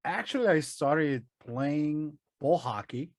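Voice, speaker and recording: A man's voice: fairly high pitch, animated, slow, no room sound. A man with a Korean accent, a native Korean speaker talking in English. He co-hosts a casual podcast and often stops to search for words. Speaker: podcast co-host.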